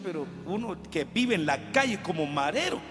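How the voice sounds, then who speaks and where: A man's voice: high-pitched, sing-song, normal speed. A man preaching a sermon, with a fervent, joking delivery. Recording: reverberant hall with music behind.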